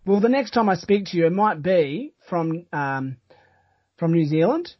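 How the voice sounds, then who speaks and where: An Australian man hosting a podcast in casual chat, talking in a halting, rambling but enthusiastic way. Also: high-pitched, expressive, breathy edge, dry recording. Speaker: podcast host. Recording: dull, lo-fi sound.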